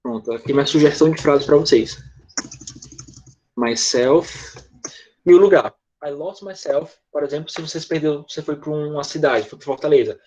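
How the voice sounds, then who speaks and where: A man with a Brazilian Portuguese accent teaching English in an online class, chatty and joking, slowing down to model English phrases. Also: fairly high pitch, warm tone, dull audio.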